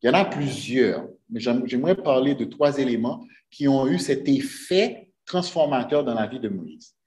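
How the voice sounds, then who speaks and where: A man's voice: mid-range voice, animated, normal speed, darkish tone. A man preaching a sermon to his congregation, earnest, often putting rhetorical questions to them. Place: church sanctuary. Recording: echoey church room.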